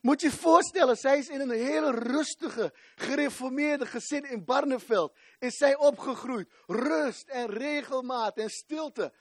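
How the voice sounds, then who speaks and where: A man in his forties preaching a fervent sermon, rising to shouts at the climaxes. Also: very high-pitched, unhurried, hardly any pauses, no echo, studio quality.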